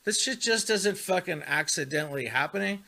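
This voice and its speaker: A man's voice: high-pitched, expressive, moderate pace, creaky, pushed and bright. Heated, profane man ranting. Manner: repeats words and restarts when worked up. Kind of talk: impassioned monologue.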